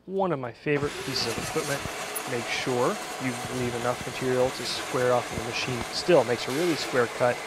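Recorded against a noisy background in a machine shop, this thirties-aged man speaks in a mid-range voice. He owns the shop and hosts videos, and he explains a job in a relaxed, instructional way, thinking out loud and catching his own mistakes as he goes.

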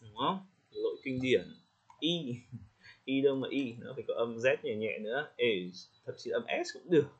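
A man coaching English pronunciation in casual spoken feedback, friendly, slowing down to demonstrate words and laughing lightly. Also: medium pitch, breathy edge. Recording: slightly dull lo-fi audio.

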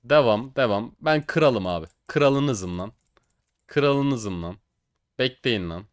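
A young man giving casual, excitable commentary while opening cases, boasting loudly and groaning at losses. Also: medium pitch, takes it slowly, no echo, studio quality. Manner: excitable, swings between boasting shouts and mock crying. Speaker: gaming streamer.

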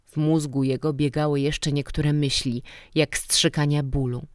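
A woman reads a book aloud with a low, deep voice. She takes her time, pacing every sentence slowly. The sound is dry and close, with no room around it. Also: flat delivery, dry recording. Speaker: audiobook narrator. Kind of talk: scripted audiobook narration.

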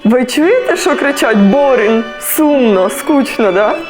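Middle-aged woman, slow and very expressive, gameplay commentary with an orchestra playing behind. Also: high voice. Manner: animated, exclamatory, talks to viewers while playing. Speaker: mother playing a VR conductor game. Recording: orchestral game music loud behind her.

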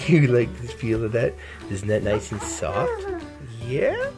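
A man's voice: mid-range voice, huge pitch swings, takes it slowly, loud music behind the voice. A father speaking baby talk to his infant son, doting and sing-song, repeating words over and over.

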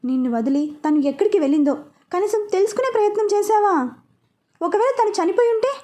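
Lady reading as a cheeky young cop buddy who loves to tease, high and mellow. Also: fast talker. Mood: teasing. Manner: teasing, persuasive. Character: playful young male police officer, teasing.

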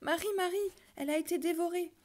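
A woman voicing a frightened young boy who cries out in high, urgent bursts, reading a story aloud. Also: normal speed, a little mellow. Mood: distraught. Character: frightened young boy, tearful then elated.

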